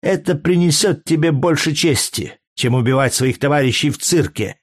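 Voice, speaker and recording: A man's voice: fairly high pitch, normal speed, no room sound, clean studio sound, voice pushed up, lightly acted. A man reading aloud and voicing a jealous, scornful young Greek courtesan with a biting, mocking manner.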